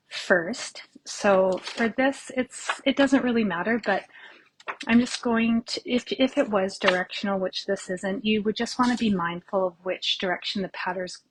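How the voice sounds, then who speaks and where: A woman's voice: mid-range voice, slight background noise, poor audio. Chatty woman hosting a live craft class. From Canada. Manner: chatty, rambling, greets viewers by name. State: slightly out of breath. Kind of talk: casual live craft tutorial. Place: home craft room.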